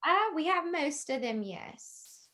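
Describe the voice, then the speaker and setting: A woman co-hosting a webinar, giving brief, soft replies. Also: sits high, big pitch swings, takes it slowly.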